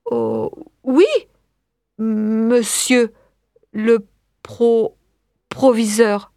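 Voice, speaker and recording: A woman's voice: fairly high pitch, very animated, moderate pace, no echo, studio quality. A woman reading the lines of a shy fifteen-year-old girl who stammers when she is scared. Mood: frightened. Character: timid fifteen-year-old schoolgirl with a big imagination.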